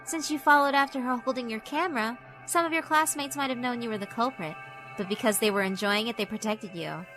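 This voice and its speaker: A woman voices a sinister female school spirit in a horror visual novel, cold and cruelly amused, theatrical and mock-polite as she taunts with rhetorical questions. Her slightly high, fairly bright voice is brisk and lightly acted, with faint music in the background.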